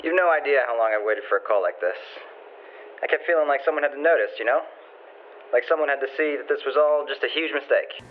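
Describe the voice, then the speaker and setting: A man's voice: medium pitch, fast, slight background noise. An actor playing a young male inmate talking on a prison phone call, hesitant and defensive, trailing off. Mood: earnest. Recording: muffled lo-fi phone line.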